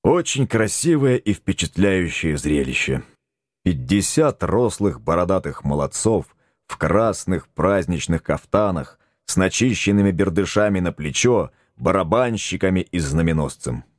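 A man's voice: sits low, expressive, measured pace, dry recording, studio quality. A man narrating an audiobook in the first person, with a wry storytelling manner. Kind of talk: audiobook reading.

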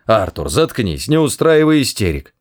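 A man voicing a quick-witted male alien hitchhiker for an audiobook, talking in a raised, quick, coaxing voice. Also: fairly low pitch, sing-song. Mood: scheming.

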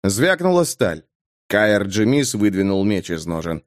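Expressive male audiobook narrator. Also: lowish voice, measured pace, no echo, studio quality. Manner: expressive, dramatic reading. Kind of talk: scripted narration.

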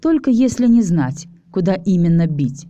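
A woman's voice: on the low side, big pitch swings, moderate pace, warm tone, no room sound, lo-fi sound. A woman voicing a sultry teasing vampire lady. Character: seductive playful female vampire.

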